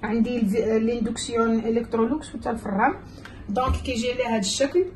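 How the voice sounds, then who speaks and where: A woman's voice: fairly high pitch, steady tone, racing, noisy background. Moroccan lady chatting away while she cooks, home kitchen, mic on the counter, talks straight to the viewers. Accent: Moroccan Arabic. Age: middle-aged. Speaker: cooking channel host. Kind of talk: casual cooking vlog chat. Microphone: camera near the worktop, speaker mostly off frame.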